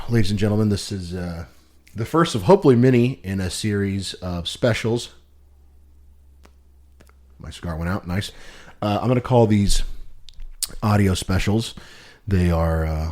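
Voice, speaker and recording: Deep-voiced man hosting a casual podcast. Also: darkish tone. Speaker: host.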